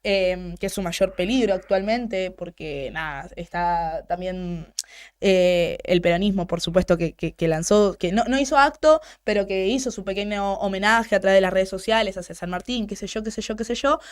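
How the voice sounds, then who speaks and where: A young radio host with an Argentine Spanish accent speaks at a moderate pace in a medium-pitched voice. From the studio she voices frank political commentary, regularly repeating words as she starts over.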